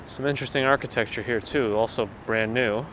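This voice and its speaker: A man from New York walks a winter city street, giving relaxed live-stream narration for a walking tour and talking to viewers through a gimbal-mounted phone mic. His voice has a middle pitch for a man and a brisk pace, with traffic and street noise clearly behind him.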